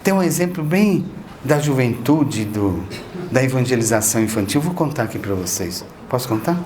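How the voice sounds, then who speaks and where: A man with a medium-pitched, darkish voice speaks at a normal speed with lively intonation, over a little hiss or hum. He's giving a spiritual talk in a spiritist association's lecture hall, conversing with the audience and asking them questions.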